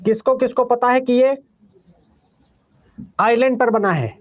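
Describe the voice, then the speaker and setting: Speaking at an extremely high pitch, a geography teacher with a Bihari Hindi accent goes slowly over each point twice so his students can copy it, addressing them as "beta". The recording is dry.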